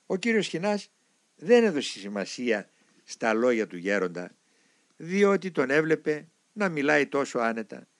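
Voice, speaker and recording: A man reading a monastic memoir aloud in a measured, reverent way, recorded on a close mic. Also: a little high, very animated, dry recording.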